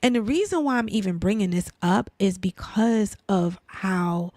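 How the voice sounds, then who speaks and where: A woman with a Brooklyn accent giving a casual inspirational talk, asking rhetorical questions and checking in with "right?" and "you know", sometimes dropping to a soft near-whisper. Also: mid-range voice, lively intonation, moderate pace, no room sound. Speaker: faith and lifestyle speaker.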